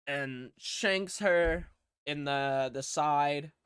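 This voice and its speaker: A man talks through a movie plot at an unhurried, slow pace, rambling loosely with plenty of uhs and casual swearing. His voice is smooth and clear, a bit higher than most men's. The sound is dry and close. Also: a bit bright, dry recording. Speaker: movie reviewer.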